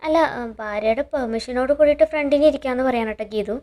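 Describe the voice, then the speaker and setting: A woman's voice: high-pitched, fast talker, darkish tone. A woman retelling a TV serial episode in a chatty, casual way, often adding a tag word for the listener. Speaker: serial recap narrator.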